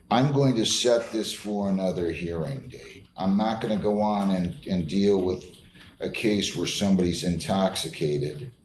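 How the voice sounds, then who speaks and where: Inside a courtroom full of roomy echo and faint noise, an American judge addresses a hearing from the bench. His voice sits low and is a little mellow, and he talks firmly and plainly, informally repeating points to drive them home.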